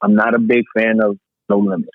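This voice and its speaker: An American podcast host debates hip hop in a casual conversation about music, speaking emphatically and repeating himself for stress. His voice is on the low side, his delivery flat and a little fast. The recording sounds muffled and narrow, like a radio.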